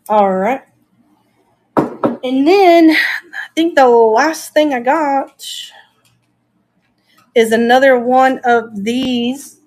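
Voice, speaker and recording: A woman with a slightly high voice hosts a casual live-stream auction. She chats enthusiastically and thinks aloud as she shows each item.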